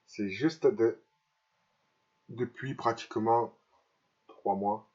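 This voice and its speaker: A man talks haltingly in a personal vlog, his speech slightly impeded by dental braces. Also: on the low side, fairly even intonation, a little mellow, lo-fi sound. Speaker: vlogger. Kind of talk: personal vlog confession to camera.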